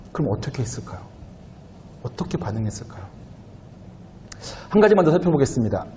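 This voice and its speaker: A man's voice: medium pitch, darkish tone, slight background noise. A young adult male pastor giving a sermon in a conversational way, asking the listeners questions and acting out quoted lines in a raised voice. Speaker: youth pastor.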